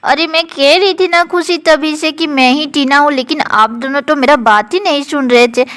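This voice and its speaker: A woman's voice: high voice, moderate pace, a bit bright. A woman voicing a girl doll in new glasses, insistent and rueful.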